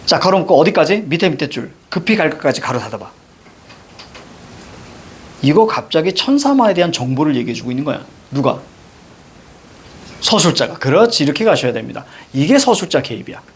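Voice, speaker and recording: A male teacher giving a brisk literature lecture, directing students and firing quick questions at them. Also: fairly high pitch, big pitch swings, husky. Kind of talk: classroom lecture.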